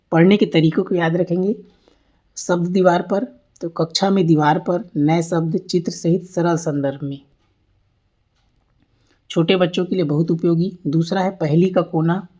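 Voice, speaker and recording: A woman's voice: low voice, dark tone, slightly rough. A woman teacher giving an exam-prep lecture over slides, often asking and then answering her own questions and repeating key points.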